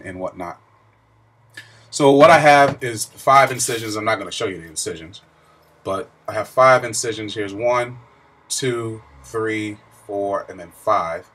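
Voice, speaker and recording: Low-voiced man, casual video diary. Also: fairly bright tone. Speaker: vlogger.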